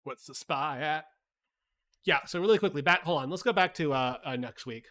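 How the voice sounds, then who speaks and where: A man's voice: a little high, moderate pace, pushed and bright. Chatty man hosting a casual stream. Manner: chatty, reads chat, frequent "like" and "right?"; blunt and profane. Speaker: livestream host. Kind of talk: casual market recap talk.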